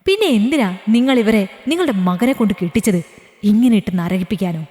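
A woman voicing a defiant, sharp-tongued young woman who speaks with mocking scorn. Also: medium pitch, animated, brisk, reverberant, in a large hall, natural voice. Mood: scornful.

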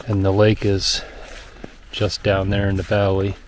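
A man narrating his own hike on a snowy forest trail, describing the route in a relaxed, matter-of-fact way. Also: fairly low pitch, a little slow, a little hiss or hum. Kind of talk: casual hiking vlog narration.

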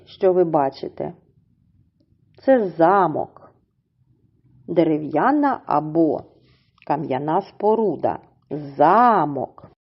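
A woman teaching a primary school reading lesson, speaking slowly and sounding out words syllable by syllable. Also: lowish voice, muffled recording. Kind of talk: slow, clearly articulated reading lesson.

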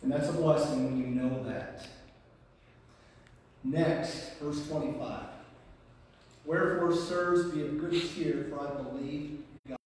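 A man's voice: on the high side, slow, long pauses, darkish tone, slight background noise. Man, Midwest accent, pastor preaching, emphatic, roomy distant sound. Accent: American Midwest. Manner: preaching with rising emphasis and folksy asides. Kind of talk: sermon. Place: church sanctuary. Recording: echoey hall from far off.

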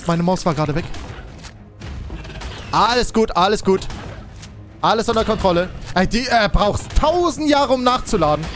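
A man giving excited, exclamatory commentary while playing a game, talking aloud to his creatures. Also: high voice, normal speed, pauses often, faint music behind. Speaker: let's play host.

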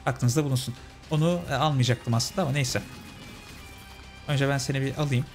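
A man's voice: medium pitch, steady tone, a little fast, a little mellow. Chatty man over game music. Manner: chatty, talks to his viewers as friends. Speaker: gaming channel host. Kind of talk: casual let's-play commentary.

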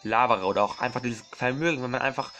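A man's voice: medium pitch, fast talker, fairly bright tone, faint music behind. A man doing casual let's play commentary, rambling and apologizing often, repeating his words and calling his viewers his friends.

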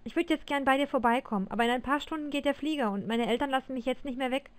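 A woman voicing an excitable teenage girl who talks to her best friend in a loud, emotional way. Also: high voice, fast, clear, resonant tone, no room sound, close to an everyday voice.

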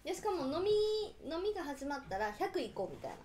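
A young woman, chatting casually with teasing, quick reactions to her companions. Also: high-pitched, sing-song, a crowd in the background. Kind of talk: casual banter on a drinking livestream. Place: small indoor studio lounge with sofa. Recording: echoey small room.

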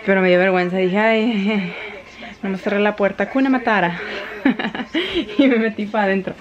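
A woman's voice: medium pitch, animated, normal speed, muffled recording, crowd noise. A woman in her thirties with a Mexican accent, chatting casually in a home vlog, often laughing and mixing in English phrases. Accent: Mexican Spanish. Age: 30s. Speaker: vlogger. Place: home kitchen while cooking.

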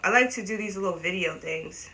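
A woman's voice: fairly low pitch, fairly quick, pushed and bright, rough recording. Woman, tarot reader, chatty, emphatic, swears, addresses viewers, noticeable background noise. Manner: talks to viewers as "you guys". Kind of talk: casual tarot reading vlog.

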